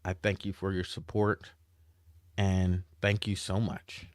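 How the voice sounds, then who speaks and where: Low smooth-voiced man, halting update. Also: level tone, no room sound, clean studio sound. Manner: halting, many fillers and restarts. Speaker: cybersecurity trainer giving a channel update. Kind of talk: casual update talk to followers.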